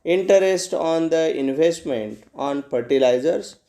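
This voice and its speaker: A man with an Indian accent dictating a passage for shorthand practice, in short, separated, measured phrases. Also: a little high, mellow.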